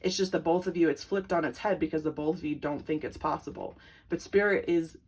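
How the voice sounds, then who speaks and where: A woman's voice: low voice, a little fast, a little mellow, breathy edge. A woman giving a tarot reading to her viewers, chatty and full of "like", breaking into frequent giggles. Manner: chatty, filler-heavy with repeated "like". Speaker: tarot reader.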